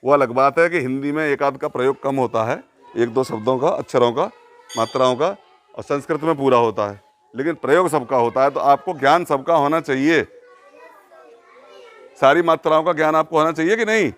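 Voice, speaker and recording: A man's voice: mid-range voice, fairly quick, fairly bright tone. A man teaching a Hindi lesson to a class, asking the students questions and drilling syllables aloud.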